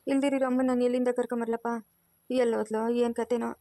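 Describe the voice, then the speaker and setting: A woman's voice: on the high side, flat delivery, quick pace, dark tone, no room sound, clean studio sound, lightly acted. A woman voicing a tender, fretful village grandmother in a cartoon, soothing a child in a rural Kannada accent from the Chikkaballapur region. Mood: lamenting. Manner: coaxing, soothing. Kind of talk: cartoon voice acting.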